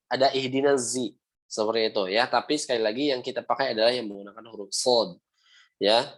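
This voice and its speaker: Patient male Quran teacher, medium pitch. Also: a bit bright. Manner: patient, repeats sounds slowly, ends phrases with "ya". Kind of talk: online class instruction with recitation examples.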